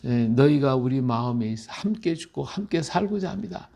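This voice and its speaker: A man's voice: medium pitch, animated, normal speed, vocal fry, warm tone. A male pastor giving a conversational Bible-reading sermon, telling stories emphatically and often checking with his listeners. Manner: emphatic, storytelling, asks listeners "right?".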